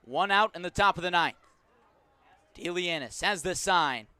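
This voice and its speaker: A man does live play-by-play of a baseball game on radio, measured between pitches and emphatic when action breaks out. His voice is pushed, bright and smooth, in a dry recording of live sports commentary.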